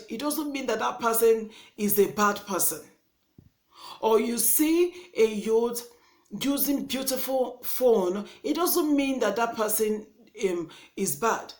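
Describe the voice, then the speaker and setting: A young woman with a Nigerian accent speaks straight to camera in an earnest, indignant monologue, often repeating and restarting her words. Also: a little high. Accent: Nigerian English. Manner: passionate, indignant. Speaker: vlogger. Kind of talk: impassioned vlog monologue.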